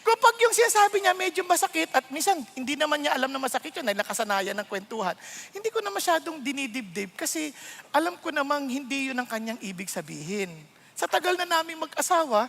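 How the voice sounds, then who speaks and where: High, bright-voiced playful pastor, hall reverb. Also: male voice, vocal fry. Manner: playful, animated, often laughing, keeps asking the congregation questions. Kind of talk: conversational sermon.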